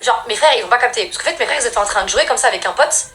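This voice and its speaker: Animated young woman telling a scary story. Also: very fast. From France. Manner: animated, slangy, acts out voices in loud high bursts. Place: at home doing makeup.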